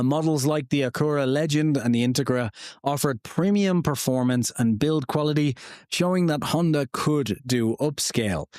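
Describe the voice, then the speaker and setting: A man's voice: mid-range voice, darkish tone, no room sound, clean studio sound. A man in his thirties hosting a podcast, telling history in a casual, rambling way with lots of fillers and personal asides. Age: 30s. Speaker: podcast host.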